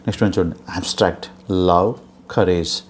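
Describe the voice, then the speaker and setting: A man's voice: deep voice, steady tone, fast talker, a little hiss or hum. A man with a Telugu accent teaching English grammar for a teacher exam, explaining patiently and often checking in with "okay?". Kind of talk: exam-prep lecture in Telugu with English terms.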